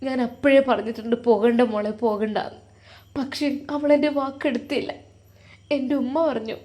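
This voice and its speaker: A woman's voice: a little high, mellow, natural voice. A woman voicing a distraught older father, tearful and demanding.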